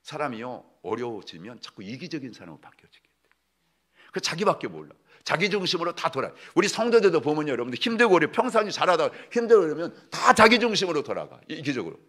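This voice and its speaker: A man preaching a sermon as pastor, leading the congregation through readings and often calling out to them, swinging from loud exhortation to soft asides. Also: fairly high pitch, sing-song, fast talker. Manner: addresses the congregation often, leads group readings.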